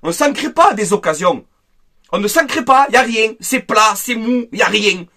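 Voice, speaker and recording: A man hosting a casual football debrief, angry and animated, repeating himself and talking straight to his viewers. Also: high voice, normal speed. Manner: angry, animated and repetitive, addressing viewers directly. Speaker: football fan video host.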